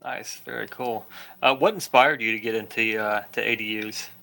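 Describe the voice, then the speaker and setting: A man's voice: lowish voice, steady tone, normal speed, vocal fry, sharp tone. A man hosting a podcast, upbeat as he introduces his guest and asks questions. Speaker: podcast host. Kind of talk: podcast interview.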